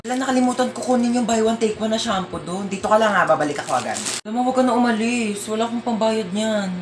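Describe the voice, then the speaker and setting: A woman performing comedy sketches, switching quickly between everyday characters and often breaking into loud exclamations. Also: fairly high pitch, expressive, noisy background. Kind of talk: comedic skits playing several everyday characters. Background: music.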